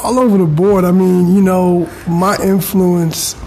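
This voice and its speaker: Speaking a little slowly in a high-pitched, level, darkish voice, a middle-aged California man chats informally as an interview guest. "You know" and "man" come up often in his conversational style. Audio quality is poor, with faint noise behind him.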